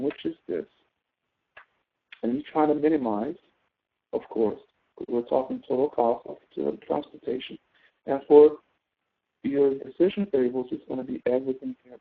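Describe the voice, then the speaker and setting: A gravelly, medium-pitched man tutors someone on spreadsheets, going step by step. The line sounds tinny, like a phone. He explains patiently and keeps checking comprehension with tag questions.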